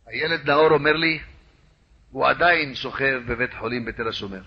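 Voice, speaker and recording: A man's voice: mid-range voice, fairly even intonation, breathy edge. A man, a rabbi, telling a story as a sermon in a dramatic, repetitive way. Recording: lo-fi radio recording.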